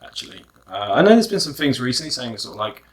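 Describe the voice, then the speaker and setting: A man's voice: mid-range voice, sing-song, fast. A man chatting casually as the host of a video. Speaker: host of a couple's video channel. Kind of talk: casual chat.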